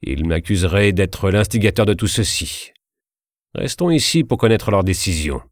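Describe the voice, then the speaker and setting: A man reading as a calm, cold young prince. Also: low-pitched, normal speed, dry recording, clean studio sound. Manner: calm, detached.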